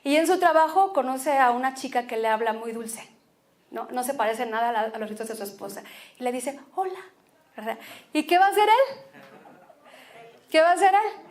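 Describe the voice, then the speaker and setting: High-voiced Mexican woman preaching. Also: brisk. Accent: Mexican Spanish. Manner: expressive preaching, repeats phrases for emphasis. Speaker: pastor. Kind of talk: sermon.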